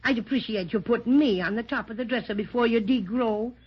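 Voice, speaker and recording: Chatty boastful teddy bear played by a woman, folksy phrasing, fairly high voice, dull 1930s radio recording. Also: brisk. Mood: cheerful, chatty. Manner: chatty, folksy phrasing with throat-clearing and "to be sure". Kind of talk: 1930s children's radio drama.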